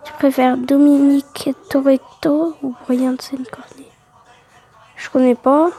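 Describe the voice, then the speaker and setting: A woman hosting a casual gaming video, with a high pitch and a mellow, soft tone. She reads quiz questions aloud and answers them offhandedly. She drops into half-whispers now and then, keeping a fairly flat delivery. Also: takes it slowly. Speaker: video host.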